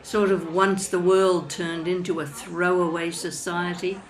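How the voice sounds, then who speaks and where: A woman's voice: lowish voice, level tone, measured pace, low-quality recording. An older woman playing a chatty, inquisitive café customer in an audio drama, asking questions in a friendly way. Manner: chatty, warm-hearted, inquisitive. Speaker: narrator and lead character.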